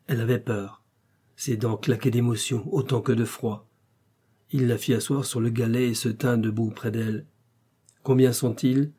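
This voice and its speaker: A man narrating a novel as an audiobook in a steady, measured way, with a husky voice. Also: medium pitch.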